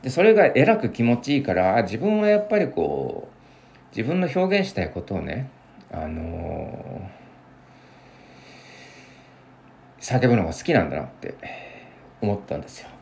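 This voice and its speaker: A young man in his twenties chatting alone in a casual, rambling way, with many fillers and sudden lively bursts. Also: on the low side, a little slow, vocal fry, pauses often, a little hiss or hum. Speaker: podcast host. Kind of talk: casual solo chat.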